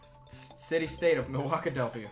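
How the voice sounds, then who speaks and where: A man's voice: medium pitch, brisk, faint music behind. A man co-hosting a casual comedy podcast, joking around and riffing off his friend. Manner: jokey, riffs with silly voices. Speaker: podcast co-host.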